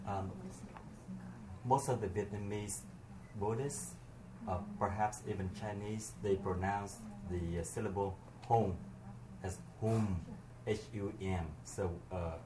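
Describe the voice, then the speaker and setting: A man in the audience politely asking the teacher a question, with hesitant pauses. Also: lowish voice, fairly even intonation. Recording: echoey room from a distance, noisy.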